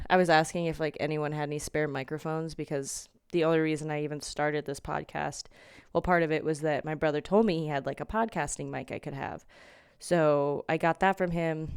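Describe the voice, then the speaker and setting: Rambling young woman, low smooth voice. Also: no echo, clean studio sound. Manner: sarcastic, rambling, heavy on "like". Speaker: podcast host. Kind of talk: casual solo podcast monologue. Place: bedroom at home.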